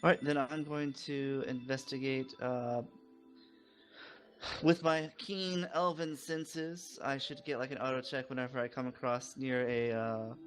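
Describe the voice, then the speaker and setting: A man's voice: medium pitch, flat delivery, moderate pace, few pauses. A man chatting casually as a player in a tabletop game, often searching for his words. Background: background music.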